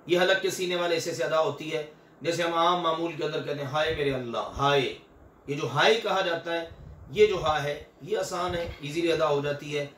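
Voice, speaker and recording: A man's voice: on the high side, fairly bright tone, reverberant, distant mic, a little hiss or hum. An older man teaching Quranic recitation, patiently repeating and stretching each example sound. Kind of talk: recitation lesson with drawn-out examples.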